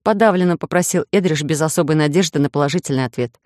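A woman narrating a first-person romantic audiobook in a lively, ironic way. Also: low voice, fast talker, no room sound, clean studio sound. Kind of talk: scripted narration.

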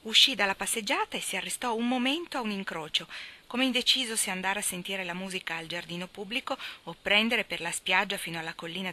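A woman narrates a classic novel in a measured, expressive audiobook reading. Her voice sits at a middle pitch and sounds bright and crisp. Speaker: reader.

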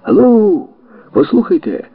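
A man's voice: lowish voice, huge pitch swings, normal speed, creaky, slightly rough, dry recording, heavily acted. A man voicing a wry, exasperated male space traveller in an audiobook, in a raised put-on voice. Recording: dry tinny narrow-band audio.

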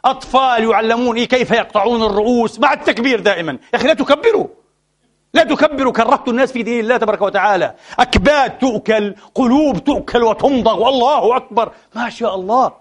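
A man delivers a passionate Friday sermon, calling his listeners brothers and shifting between quiet and loud passages, sounding sad and frustrated. His voice is extremely high-pitched and he speaks quickly.

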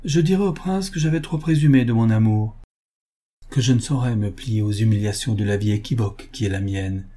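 A man's voice: lowish voice, mellow, natural voice. A man voicing a grave noble countess. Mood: resolved. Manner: earnest, measured, solemn. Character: noble young countess, grave and self-sacrificing.

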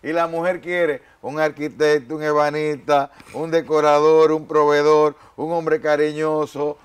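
A man's voice: fairly high pitch, flat delivery, measured pace, smooth. A man hosting a television interview on a faith program, speaking formally with thanks and greetings.

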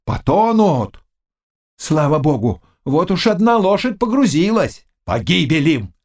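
A male narrator voicing a crowd of frightened peasant men who shout urgently in raised voices. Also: a little high, sing-song, moderate pace, pitched above the performer's own voice. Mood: gloating.

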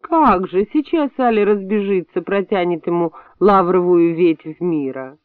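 Man putting on a shrill sarcastic hospital matron. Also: unhurried, smooth, no room sound. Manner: sarcastic, indignant, shrill rises. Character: sharp-tongued sarcastic middle-aged hospital woman. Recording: dry, tinny phone-like sound.

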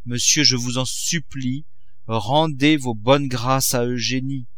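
A man voicing an ailing older mother who pleads slowly and wearily. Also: medium pitch, steady tone, a bit bright. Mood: pleading. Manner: slow, imploring, weary.

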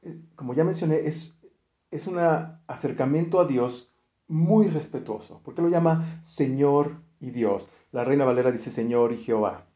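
A man's voice: mid-range voice, a little slow, dark tone. A man preaching a sermon, earnest, acting out quoted prayers and often restarting his words. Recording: echoey room.

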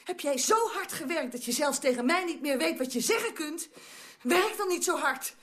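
An indignant, worried wife. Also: female voice, high voice, expressive, moderate pace. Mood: scolding. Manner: reproachful, insistent, rhetorical questions. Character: anxious, indignant wife, middle-aged woman. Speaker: radio drama actress. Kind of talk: radio play acting.

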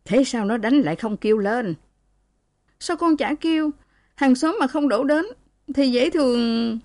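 A woman's voice: a little high, a little fast, darkish tone, dry recording, lightly acted. Woman playing a worried old mother. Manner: worried, fussing. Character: old mother, anxious, protective, scolding her husband.

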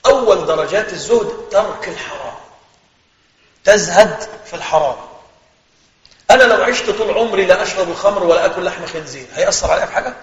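A man with an Egyptian accent, a sheikh giving a religious lesson in conversational, animated speech that speaks straight to his listeners. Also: high voice, quick pace. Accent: Egyptian Arabic. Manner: conversational, animated storytelling, addresses listeners directly. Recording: echoey hall, slightly muffled.

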